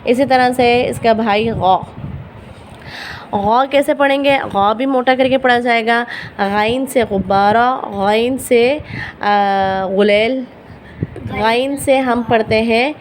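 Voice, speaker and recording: Beginners learning Quran reading hear an Urdu-speaking woman pronounce Arabic letters, each sound repeated slowly and with patience. The recording is low quality with slight background noise, and her voice is a little high.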